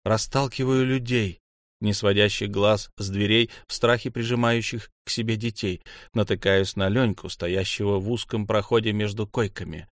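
A man's voice: on the low side, fairly even intonation, moderate pace, dry recording. A man narrating a novel in the first person, tense and urgent, close to the mic. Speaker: audiobook narrator.

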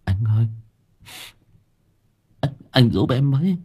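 A man's voice: medium pitch, lively intonation, a little slow, a little mellow, breathy edge, highs cut off, voice pushed up. Man doing a stammering, frightened young delinquent. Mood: pleading. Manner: stammering, pleading.

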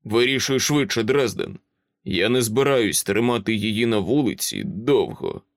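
A man's voice: lowish voice, big pitch swings, normal speed, gravelly, no echo, clean studio sound. A man narrating a first-person novel as an audiobook, telling the story and voicing the characters. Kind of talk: scripted narration.

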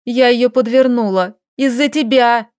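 A woman's voice: fairly high pitch, unhurried, darkish tone, clean tone, no room sound, studio quality, close to an everyday voice. A woman playing a fiery, demanding young lady. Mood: indignant demanding. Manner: demanding, indignant, snappy. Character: fiery, capricious young noblewoman.

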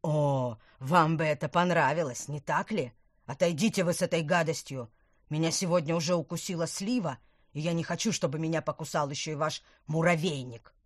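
A woman's voice: lowish voice, moderate pace, darkish tone, no room sound, studio quality, close to an everyday voice. A woman reading a storybook and voicing a spiteful, pompous man who sneers and hisses threats. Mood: disgusted. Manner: sneering, venomous.

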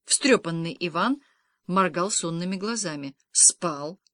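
A woman's voice: mid-range voice, moderate pace, dry recording. Woman reading a comic novel. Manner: lively first-person storytelling, many voices. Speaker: audiobook reader.

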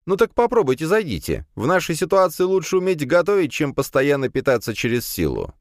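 Man performing a young male student, hopeful and pushy, voice raised well above a deep natural register. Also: huge pitch swings, fairly quick, dry recording, studio quality. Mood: pleading. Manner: hopeful, insistent.

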